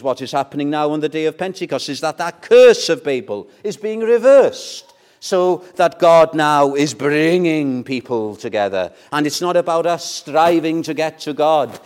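A Welsh-speaking pastor, an older man from Wales, gives a sermon in a chatty style, posing rhetorical questions and repeating words. His pitch is medium. His loudness climbs and drops dramatically, at times to barely a whisper.

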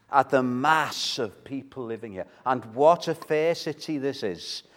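Male preacher, pulpit mic, slow and earnest, rises loud then falls quiet. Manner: earnest, swelling to loud emphasis then dropping low. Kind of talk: evening sermon. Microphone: pulpit microphone.

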